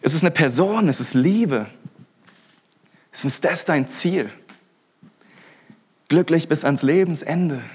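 A man's voice: fairly high pitch, slow pace, long pauses, breathy edge. A young man giving a sermon as a pastor, talking casually and energetically, with frequent restarts and interjections. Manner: lively, colloquial, with frequent "hey" and restarts.

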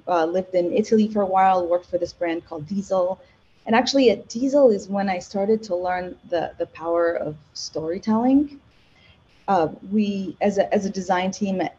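Mellow, husky-voiced woman on lo-fi audio. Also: medium pitch. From Egypt. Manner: animated, self-correcting storytelling. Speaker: podcast guest, marketing executive. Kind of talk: casual interview chat.

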